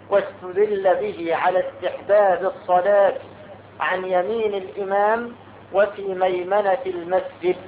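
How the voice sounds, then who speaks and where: A man teaching a hadith lesson, explaining the text and asking the class rhetorical questions. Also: high voice. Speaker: religious teacher. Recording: tinny phone-like sound, roomy echo, faint hiss.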